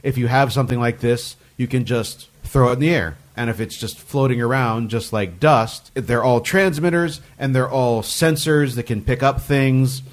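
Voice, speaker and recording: A man co-hosting a comedy science podcast. His voice sits at an ordinary middle pitch. He explains research in loose, joking, animated chat. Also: normal speed, few pauses. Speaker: podcast co-host.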